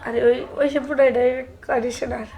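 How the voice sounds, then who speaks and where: A woman's voice: on the high side, fairly even intonation, fast, gravelly, dark tone. A woman playing a young bride married to an old man, coy and evasive in a comic drama. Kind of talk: comic audio drama acting.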